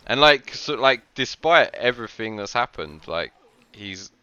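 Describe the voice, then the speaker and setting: A man's voice: mid-range voice, lively intonation, a little slow, pushed and bright, smooth, no echo, dull audio. A man giving casual commentary on a game match, rambling with lots of filler words and frequent laughs.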